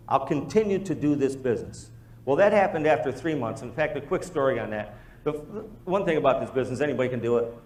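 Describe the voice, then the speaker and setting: With a fairly high pitch, a man animatedly tells stories to a live audience in a motivational business talk, voicing the quoted dialogue himself. He's recorded in an echoey room.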